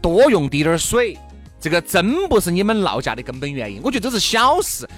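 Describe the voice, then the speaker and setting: A man's voice: sits high, big pitch swings, fairly quick, a bit bright, faint music behind. A man with a Sichuanese accent telling anecdotes in casual chat as a talk show host.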